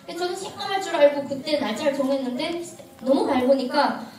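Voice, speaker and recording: A woman tells her story in a high, animated voice and laughs her way through the tense parts. She sounds a little away from the mic. Her voice echoes in a hall, with an audience around her. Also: fairly quick, far from the mic, a crowd in the background. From North Korea. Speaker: speaker giving testimony. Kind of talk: personal testimony to an audience.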